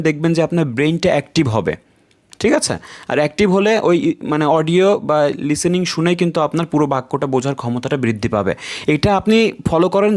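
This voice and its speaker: Higher-pitched tutor explaining exam tips. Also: male voice. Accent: Bangladeshi Bengali. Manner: explains step by step, checks in with "ঠিক আছে?". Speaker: IELTS tutor.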